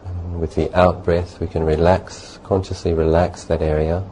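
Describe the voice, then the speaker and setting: A meditation teacher with a very deep voice leads a guided meditation in a level tone. He is gentle and unhurried, leaving long pauses between short phrases, and the low-quality recording has faint background noise.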